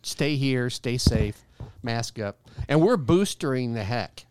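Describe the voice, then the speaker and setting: Guy, smooth voice, dry close sound, upbeat joky co-host explaining stuff. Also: mid-range voice, animated, slow, a little mellow, no room sound. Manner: upbeat, joking, explanatory with restarts. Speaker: co-host giving local health updates. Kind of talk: casual chat.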